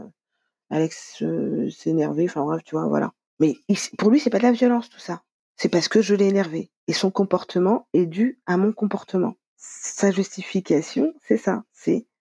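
A woman's voice: fairly low pitch, normal speed, vocal fry, mellow, breathy edge, no room sound. A woman telling her own story in a conversational interview, quoting dialogue, with many fillers. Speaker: guest. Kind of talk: personal testimony interview.

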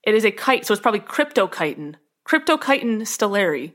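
A woman's voice: mid-range voice, big pitch swings, fairly quick, a bit bright. A woman co-hosting a podcast, reading a science article aloud in casual chat and breaking into giggles. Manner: giggly, keeps breaking into laughter; chatty with many fillers. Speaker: podcast co-host.

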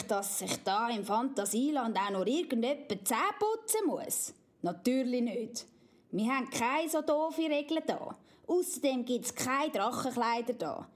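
A woman with a Swiss German accent voicing a big green male dragon, blunt and carefree, in a storybook reading, with a gruff manner that scorns rules. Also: a little high.

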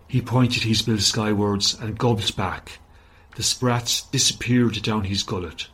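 A man narrating a children's story in a gentle, steady manner. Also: lowish voice, breathy edge, rough recording.

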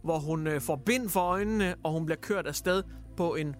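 Guy w a high voice chatting on the radio, animated storyteller, bit of music under. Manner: animated storyteller, acts out quotes, many fillers. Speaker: radio host. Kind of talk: casual chat, retelling news stories.

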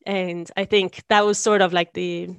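A woman's voice: fairly low pitch, level tone, unhurried, creaky, smooth, no echo. Thoughtful young woman, dry close sound. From Sweden. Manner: thoughtful, searching for words, many restarts. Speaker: guest, long-distance cyclist. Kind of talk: reflective interview answers.

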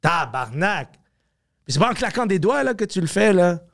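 A man with a Québécois French accent, a comedian talking as a podcast guest, animated, swearing often and slipping into English. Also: high-pitched, quick pace, creaky, no echo, studio quality. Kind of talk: casual podcast conversation.

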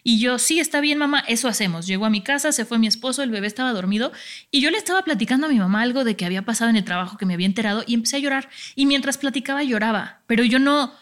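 A woman telling her story in a casual, animated conversation. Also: fairly high pitch, racing.

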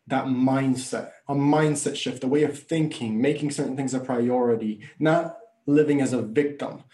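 A man's voice: medium pitch, mellow, echoey room. A man from Bulgaria, a native Bulgarian speaker, telling his story earnestly as a coach and speaker in an interview. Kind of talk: conversational interview.

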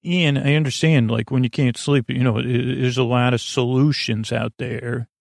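A creaky-voiced man hosts a bedtime podcast, drifting through a meandering, halting monologue full of stammers, restarts and tangents. His pitch is medium and his intonation fairly even. The sound is clean studio audio with no echo.

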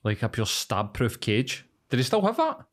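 A man with a Glasgow street accent and an average-pitched voice. He hosts a podcast in a casual way, slangy and full of questions. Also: huge pitch swings, moderate pace. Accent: Glasgow Scottish, street. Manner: slangy, inquisitive. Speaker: podcast host. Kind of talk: casual interview chat.

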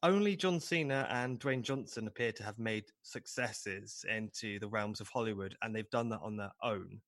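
A man's voice: fairly low pitch, moderate pace, a bit bright, no room sound, studio quality. A man co-hosting a podcast in casual chat, rambling and cynical with self-deprecating asides. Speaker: podcast co-host.

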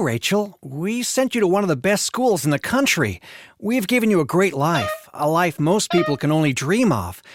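A woman's voice: fairly low pitch, no room sound, clean studio sound, pitched below the performer's own voice. A woman voicing a sad, weary father. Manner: weary, pleading.

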